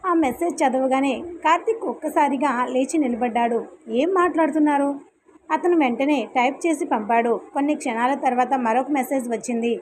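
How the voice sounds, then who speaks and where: A woman storyteller reading a scripted serial story at a steady pace. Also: high voice, a little fast, a little hiss or hum, rough recording.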